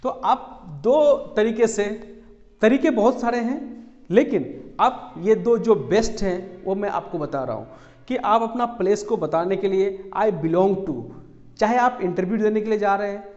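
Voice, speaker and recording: A man from Bihar giving a spoken English lesson, explaining slowly, repeating phrases and checking in with "right?". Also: sits high, expressive, darkish tone, long reverb tail, muffled recording. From Bihar, India. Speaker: English teacher.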